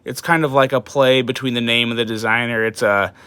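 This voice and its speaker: A man's voice: mid-range voice, steady tone, a little fast, pushed and bright, clean tone, no room sound. A man giving a casual, enthusiastic knife review, rambling with fillers and restarts, his early-morning voice tripping over words.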